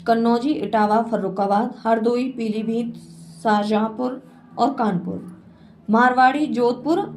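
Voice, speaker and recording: A woman teaching a Hindi literature class, reading out long lists in a slow, measured way. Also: on the high side, a little mellow, slight background noise. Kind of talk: lecture reading out lists of dialects.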